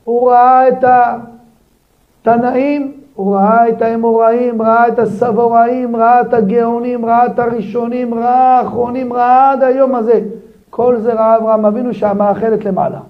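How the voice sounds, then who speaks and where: A rabbi gives a daily Torah lesson in a high-pitched voice full of gravelly fry, speaking in a lively way and repeatedly posing pointed rhetorical questions to his listeners. The recording sounds dull and lo-fi.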